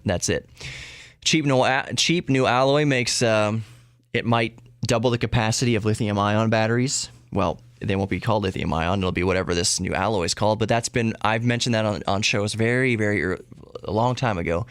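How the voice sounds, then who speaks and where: This solo podcast host has a voice on the low side, recorded at studio quality with no echo. He chats loosely about tech and geek news, wandering off track, breaking into his own sentences and repeating words for emphasis.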